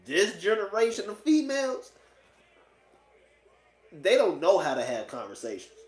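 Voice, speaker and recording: His voice is high and swoops wildly in pitch, and he talks a little slowly. He's a vlogger in his late twenties giving blunt, profane, slang-heavy opinions on dating, repeating phrases casually for emphasis. The clip has an echoey, roomy sound.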